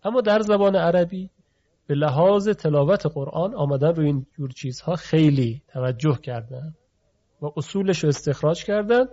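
A man's voice: fairly high pitch, warm tone, husky. A man teaching pronunciation of letters in a lecture, stretching out key terms and asking rhetorical questions. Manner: explanatory, drawn-out emphasis on key terms, asks rhetorical questions. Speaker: teacher of Quran recitation phonetics. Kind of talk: classroom lecture. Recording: dull lo-fi recording.

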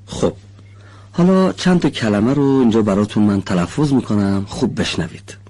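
A man with a very low, somewhat breathy voice teaches pronunciation in a studio. He spells out each sound slowly and deliberately and praises students politely. His delivery is patient and instructional. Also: animated, darkish tone. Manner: slow, deliberate, models sounds carefully; polite, encouraging toward students. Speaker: Quran recitation teacher. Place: recording studio.

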